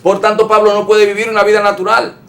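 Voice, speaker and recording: A man's voice: sits high, monotone, fast talker. A man pastor preaching an emphatic sermon, repeating phrases and speaking straight to his listeners as brothers. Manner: addresses listeners directly as brothers.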